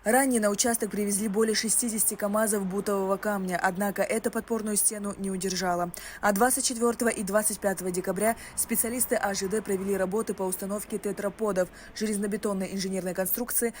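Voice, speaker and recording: A woman's voice: medium pitch, fairly even intonation, fast, darkish tone. A woman reading a scripted news report as a field correspondent. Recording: faint ambient noise behind voice-over.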